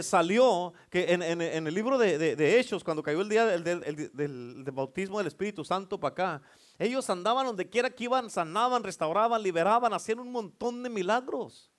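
A man preaching a sermon, building from calm Bible reading to fervent, shouted exhortation. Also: high-pitched, fairly quick. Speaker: pastor.

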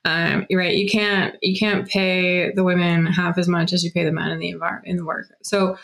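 Woman with a gravelly, lowish voice. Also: level tone, moderate pace, a bit bright. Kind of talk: casual conversation.

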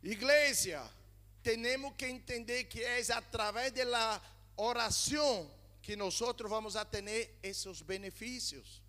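A man from Brazil preaches a sermon, slipping Spanish words into his Portuguese and calling out to the congregation. His voice sits high and cuts through brightly. It rings out with the long reverb of a church hall. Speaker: pastor. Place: church in Spain.

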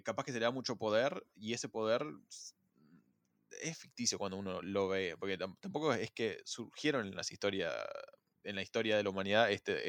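A man's voice: lowish voice, no echo. Rioplatense guy rambling about movies, slangy, dry close mic. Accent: Rioplatense Spanish. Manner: rambling, slangy, argues with animated emphasis. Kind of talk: casual chat about films.

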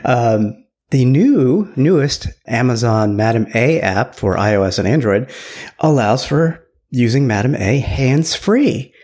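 A man's voice: mid-range voice, lively intonation, measured pace, darkish tone. Sarcastic man co-hosting a tech podcast. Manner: sarcastic, chatty, laughs easily. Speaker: podcast co-host. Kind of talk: casual tech podcast chat.

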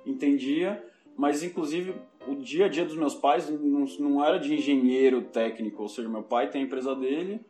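A young man from São Paulo with a Paulista Brazilian Portuguese accent speaks as a guest in a casual podcast interview, his voice on the high side, mellow, and at a moderate pace. He's reflective and self-correcting, often restarting his sentences. Faint music plays behind him, and the room gives a roomy echo.

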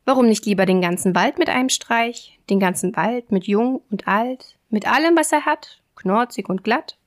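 A woman voicing a boastful little male tailor in a high, cheeky, bragging voice. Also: animated, moderate pace, a little mellow, lightly acted.

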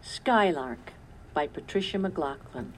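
A woman reading a children's story aloud in a measured first-person narration. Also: low voice, lively intonation, slight background noise. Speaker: audiobook narrator.

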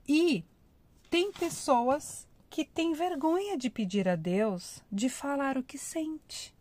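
A woman giving an informal devotional talk, chatting with her listeners and acting out heartfelt prayers. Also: a little high. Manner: warm conversational, addresses listeners as "gente"; acts out emotional prayers. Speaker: devotional speaker.

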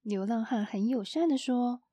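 A woman narrating a children's storybook in a gentle, expressive storytelling manner. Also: a little high, normal speed, husky, no echo.

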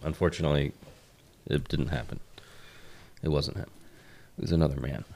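A young man with a very deep voice hosting a casual podcast. He is laid-back and chuckles easily. He walks his co-hosts through the story at an easy pace. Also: steady tone, moderate pace, creaky, warm tone. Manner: laid-back, laughs often, narrates the episode. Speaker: podcast host. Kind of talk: casual chat.

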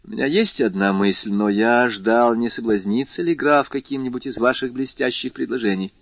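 Narrator doing an earnest young officer, raised and eager, husky, lo-fi audiobook. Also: male voice, mid-range voice, normal speed, no room sound, pitched above the performer's own voice, lightly acted. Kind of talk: audiobook character voice. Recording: slightly muffled lo-fi recording.

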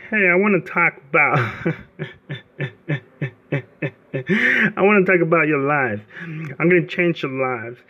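A man in his late forties hosts a mock radio show from home, rambling and joking through a loose comedic monologue and laughing often. His voice sits a little high, and the phone microphone leaves the audio narrow and tinny.

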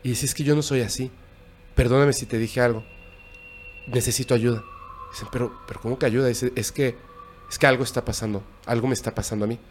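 Un hombre con acento mexicano narra con calma una historia de terror en una charla informal, con pausas y tono bajo. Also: male voice, medium pitch, faint music behind. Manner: recounting a scary story, hushed and halting. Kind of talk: casual storytelling.

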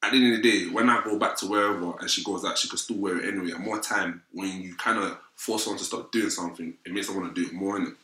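A man's voice: deep voice, fairly even intonation, fast, hardly any pauses, sharp tone. A young man with a London roadman accent, giving his opinions in casual, slang-heavy chat. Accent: London, urban street style. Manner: London roadman slang, frequent "fam" and "innit". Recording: roomy, echoing sound.

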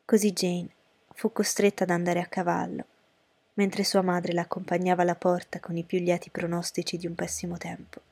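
Gravelly-voiced woman reading a novel. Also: fairly low pitch, monotone, normal speed, a little mellow, no room sound. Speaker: audiobook narrator. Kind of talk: scripted narration.

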